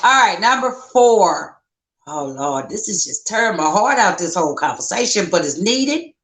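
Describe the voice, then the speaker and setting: A woman's voice: medium pitch, very animated, fairly bright tone, slight background noise. Folksy fifty-something woman in a roomy echo. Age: 50s. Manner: folksy, self-deprecating, drawn-out phrasing. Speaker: podcast co-host. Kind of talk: casual podcast chat.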